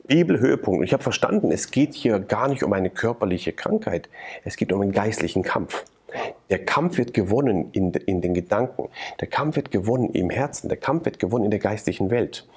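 Low husky man, lively pitch, earnest preaching testimony, repetitive. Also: brisk. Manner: earnest preaching cadence with repeated phrases. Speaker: interview guest.

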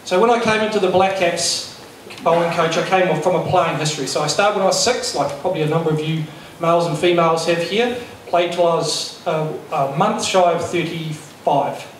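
A middle-aged man presenting to a workshop as a fast bowling coach, candid and self-deprecating, speaking into a handheld microphone in a lecture room. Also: a little high. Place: large lecture room with projector. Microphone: handheld mic. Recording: echoey room, distant sound, faint noise.

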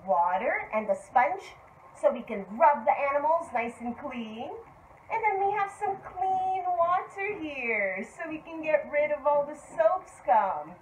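A woman speaks to toddlers in a high, sing-song voice that swoops up and down. She talks very slowly and coaxes them with exaggerated praise. The room is echoey. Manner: exaggerated, animated, coaxing. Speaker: preschool teacher. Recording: echoey room, faint noise.

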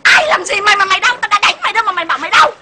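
A woman playing a coarse, bullying husband who shouts threats at his wife in a comedy sketch. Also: very high voice, big pitch swings, rapid-fire, very noisy. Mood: scolding.

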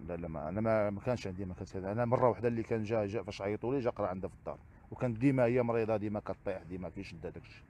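A man with a Moroccan Arabic accent, answering interview questions as a father, halting and repeating the same phrases. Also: on the low side, warm tone. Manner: repetitive, halting, keeps circling back to set phrases. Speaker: interview guest, father seeking custody.

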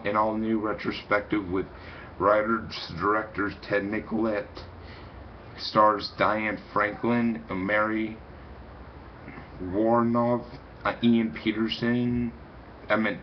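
A young man giving a casual to-camera review from a small room, rambling, repeating his words and reading haltingly. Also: on the low side, a little hiss or hum. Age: young adult. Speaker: video reviewer. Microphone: webcam. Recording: dull lo-fi webcam sound.

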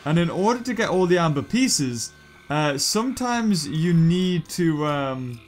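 A young British man giving casual gameplay commentary in a goofy, jokey, excitable way. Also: a little high, a little slow, a little hiss or hum. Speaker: gaming YouTuber.

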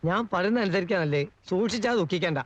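A cheeky house servant who is full of sly warnings. His voice is high, and the dull, dry sound is typical of an old film soundtrack. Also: lively intonation, fast talker, dry recording. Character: cheeky middle-aged man who works in the house. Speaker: film character. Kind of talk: 1980s film comedy acting.

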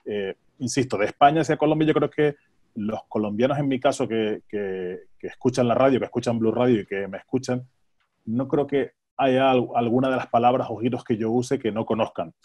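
A radio journalist in his forties from Spain, with a Spanish accent, joins a conversational panel over a video call from his home study using an earphone headset. His mid-range voice is a little mellow and fairly quick, and he repeats words as he thinks aloud.

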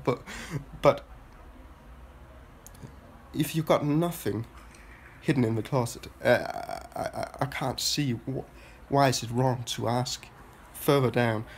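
A Danish vlogger in his twenties, stuffy-nosed from a cold, muses to camera in a halting, rambling personal monologue full of restarts and filler sounds. His voice is mid-range, with a Danish accent and a little hiss or hum, recorded on a phone held at arm's length in a small room.

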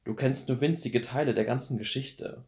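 A man voicing a weary, regretful older mentor in an audiobook, speaking calm and measured. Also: medium pitch, natural voice.

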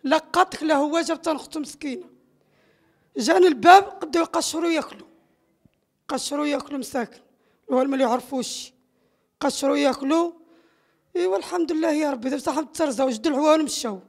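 High-voiced distraught, tearful Moroccan woman pleading. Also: fast talker, darkish tone. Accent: northern Moroccan Arabic. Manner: anguished, repetitive, pleading. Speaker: bereaved mother interviewed. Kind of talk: emotional testimony to a news reporter. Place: small bare concrete room or entryway indoors. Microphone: reporter's handheld microphone held close.

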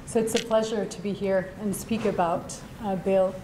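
A woman's voice: mid-range voice, steady tone, normal speed. Canadian woman, chatty conference talk, lots of ums, echoey room w/ a bit of hiss. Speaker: speaker, neonatologist. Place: conference hall.

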